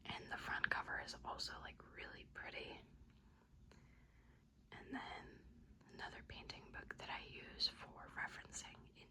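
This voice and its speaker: A woman speaking in a soft, breathy, unvoiced library whisper, showing things unhurriedly in an ASMR style. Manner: soft, hushed, unhurried show-and-tell. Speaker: ASMR creator giving a bookshelf tour.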